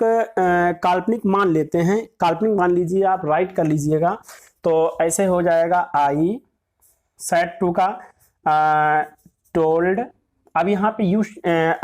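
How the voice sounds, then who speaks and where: A woman teacher with a lowish voice leads a grammar lesson at an unhurried pace. She dictates example sentences one word at a time and quizzes the class, supplying the answers herself. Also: a little mellow. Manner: asks the class questions and answers them herself.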